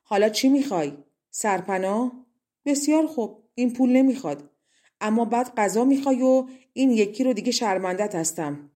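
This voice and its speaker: A woman's voice: fairly high pitch, lively intonation, close to an everyday voice. A woman voicing a greedy, scornful old crone who walks with a cane and mocks as she talks. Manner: mocking, grasping, sharp-tongued.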